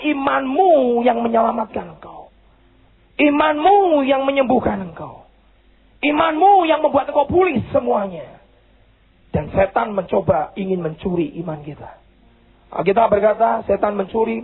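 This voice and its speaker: A man preaching a dramatic sermon with an Indonesian accent, shouting then dropping to asides and mixing in English phrases, on a lo-fi recording. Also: sits high, husky. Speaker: pastor. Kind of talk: sermon with acted-out quotes.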